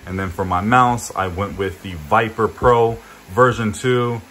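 A man's voice: on the low side, measured pace, slight background noise. A man in his thirties, a vlogger chatting casually to camera from his home office, gesturing a lot as he talks. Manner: animated, gestures a lot with both hands. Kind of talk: casual to-camera vlog chat.

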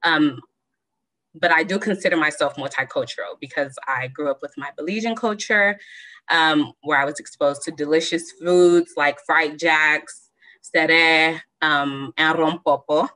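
Young woman, low bright voice, measured personal storytelling, video call guest. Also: poor audio. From Southern California. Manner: measured, many ums, reflective. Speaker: panel guest.

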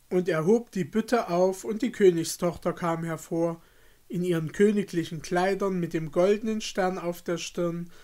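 A man reading a fairy tale aloud as a storyteller, calm and measured. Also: high-pitched.

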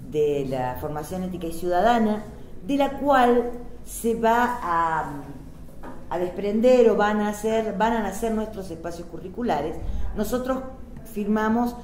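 A woman's voice: medium pitch, a little mellow, a little hiss or hum. A woman with a Córdoba Argentine accent gives a conversational lecture to teachers on a panel, peppering it with fillers and tag questions. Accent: Argentine Spanish, Córdoba. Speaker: panel speaker on civic education. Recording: echoey hall with faint ambience.

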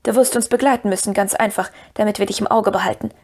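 A woman voicing an earnest male hobbit in an audiobook, calm and firm. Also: medium pitch, fast, natural voice. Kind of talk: audiobook reading.

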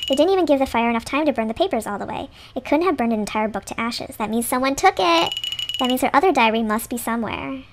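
A woman voicing a quick eager male game doctor. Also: high-pitched. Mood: excited. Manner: excited, quick-reasoning. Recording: loud background noise.

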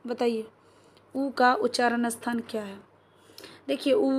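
This high-pitched female teacher, whose accent is Bihari Hindi, goes over exam questions with her class. She asks questions and supplies the answers herself, checking again and again that everyone understands.

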